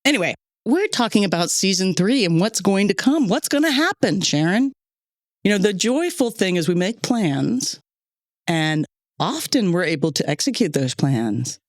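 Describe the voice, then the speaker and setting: A woman's voice: mid-range voice, big pitch swings, moderate pace, dry recording, clean studio sound. A woman hosting a podcast in casual chat, talkative and grateful, laughing often between thoughts. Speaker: podcast host and producer. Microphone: studio microphone.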